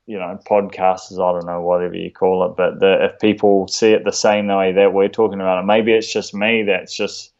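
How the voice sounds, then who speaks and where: A man with a broad New Zealand accent chatting casually in a laid-back, slangy, halting way as a podcast guest. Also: deep voice, flat delivery, a little mellow, lo-fi sound. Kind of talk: casual chat.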